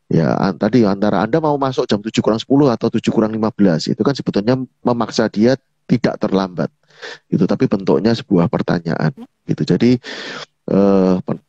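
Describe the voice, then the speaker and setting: Low-voiced chatty coach. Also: male voice, mellow, dry recording. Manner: chatty, fills with "gitu ya", quotes others in a raised voice. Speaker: NLP coach, guest speaker. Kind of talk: casual explanatory talk. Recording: dull dry lo-fi online audio.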